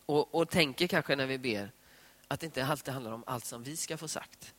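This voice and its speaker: A man giving a conversational devotional talk on prayer, retelling scripture scenes in lively voiced dialogue. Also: mid-range voice. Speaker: preacher. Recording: long hall reverb.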